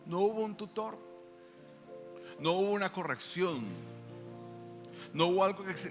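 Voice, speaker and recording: A man preaching a sermon as pastor, animated and acting out quotes. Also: on the high side, in a large hall. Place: church.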